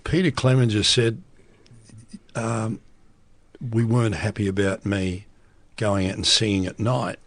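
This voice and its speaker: A man's voice: fairly low pitch, steady tone, measured pace, pauses often, no room sound. An Australian man in his seventies, a former band member reminiscing with wry, dry humour in a radio interview. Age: 70s. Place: radio studio.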